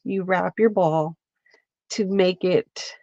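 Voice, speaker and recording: A woman with a stuffy, congested voice, slowly walking viewers through a craft step by step and chatting with them as she works. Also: fairly low pitch, steady tone, mellow, no echo, lo-fi sound. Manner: slow, meandering, chats with viewers while working. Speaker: craft livestreamer. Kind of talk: casual craft demonstration. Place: home, at her lap.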